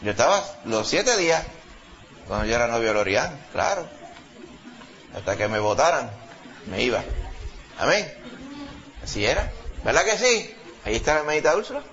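A man with a Puerto Rican accent preaching a sermon to a congregation, emphatic, rising to loud exclamations and dropping low, often asking his listeners questions. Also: big pitch swings, normal speed, long pauses. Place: church service before a congregation. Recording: dull lo-fi recording.

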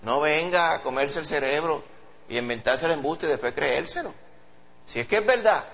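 A man with a Puerto Rican accent preaches a sermon in an animated way, slipping into high voices for the people he quotes. His voice sits a little high for a man. The recording sounds dull and lo-fi. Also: normal speed. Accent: Puerto Rican Spanish.

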